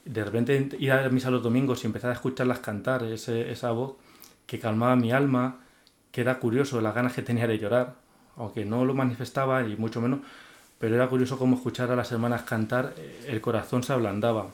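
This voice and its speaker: A man appears as an interview guest, giving an emotional faith testimony in an earnest, heartfelt way, often restarting and repeating words. His mid-range voice stays steady in tone and moves at a quick pace.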